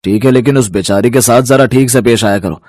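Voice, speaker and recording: A man voicing a soft-spoken middle-aged father in a cartoon story, who pleads gently. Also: medium pitch, a little fast, no echo, clean studio sound, close to an everyday voice. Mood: pleading.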